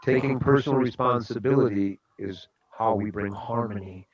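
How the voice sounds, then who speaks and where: A man's voice: fairly low pitch, moderate pace, lo-fi sound. A man who is a guest speaker on a radio talk show, telling a story and giving a motivational talk in an earnest way.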